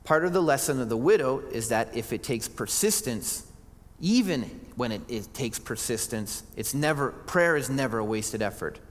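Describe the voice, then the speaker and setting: A man's voice: mid-range voice, lively intonation, moderate pace. A male pastor preaching a sermon in an earnest, conversational way, often restarting his sentences. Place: church sanctuary. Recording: church hall reverb.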